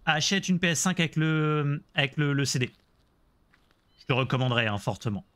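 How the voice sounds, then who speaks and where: A man's voice: fairly high pitch, animated, moderate pace, a bit bright, no room sound. A man streaming a Let's Play, chatting casually about the game and joking with his viewers. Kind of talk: casual gameplay commentary.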